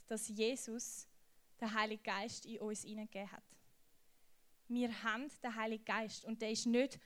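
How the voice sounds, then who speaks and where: A young woman preaches to a youth group in a casual, slangy style. Her voice sits a little high, and she tells her stories with lively energy.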